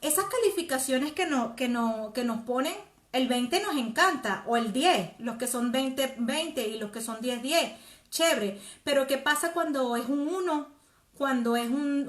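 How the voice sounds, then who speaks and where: A woman's voice: sits high, roomy sound. A woman, hosting a live talk and coaching viewers directly. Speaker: host. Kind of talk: live-stream talk reading viewer comments.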